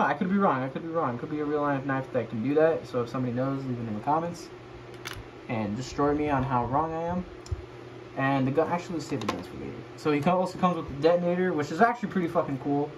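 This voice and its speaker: A man's voice: mid-range voice, fast talker. Tipsy, rambling man on a noisy recording. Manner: rambling and foul-mouthed. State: drunk. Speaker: host of a toy review video. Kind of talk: casual unscripted product review. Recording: noisy home recording, clear background noise.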